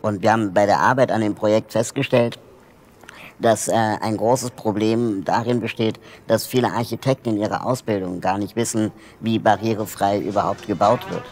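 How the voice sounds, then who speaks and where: A man's voice: lowish voice, steady tone, moderate pace, darkish tone, slight background noise. A man explaining a project and lecturing students in a hall, talking thoughtfully with frequent hesitation fillers. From Germany. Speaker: social project founder giving a lecture.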